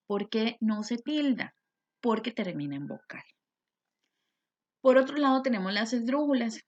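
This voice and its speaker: A Costa Rican woman teaching a recorded grammar lesson, explaining step by step and asking and answering her own questions. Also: a little high. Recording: dull lo-fi recording.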